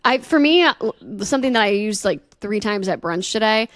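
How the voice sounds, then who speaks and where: Young woman podcast cohost, normal pitch, laughs at her own jokes, dry close mic. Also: expressive, fairly quick, dry recording. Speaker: podcast co-host. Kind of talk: casual chat.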